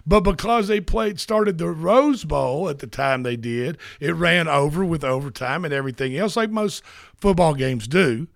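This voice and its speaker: A man's voice: on the high side, expressive, moderate pace, creaky, no room sound, clean studio sound. A man hosting a sports radio show, chatting casually and rambling with repeats.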